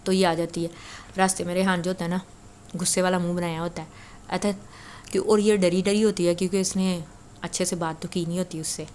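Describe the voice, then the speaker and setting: Low flat-voiced woman storyteller. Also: slight background noise. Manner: chatty, conversational, frequent filler "na". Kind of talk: casual spoken story retelling.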